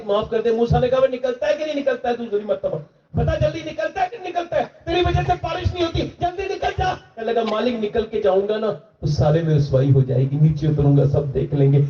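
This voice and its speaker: Fervent male preacher, high and distant. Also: expressive. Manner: rises to high, strained shouting during retold dialogue. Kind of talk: impassioned religious speech. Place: large gathering at a shrine. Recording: distant, roomy, dull lo-fi sound.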